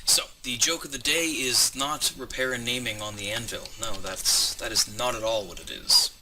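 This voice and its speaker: A man in his twenties provides gameplay commentary for a Let's Play in a home room with a squeaky chair. He rambles through a joke, interrupts himself, and pauses mid-sentence to count out loud. His voice is mid-range with fairly even intonation and a moderate pace, captured on a distant mic in very noisy conditions.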